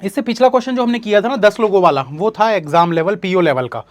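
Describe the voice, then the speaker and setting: Man, high voice, coaching class teacher, explains step by step. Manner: explains step by step and reads questions slowly aloud. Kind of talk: exam coaching lesson.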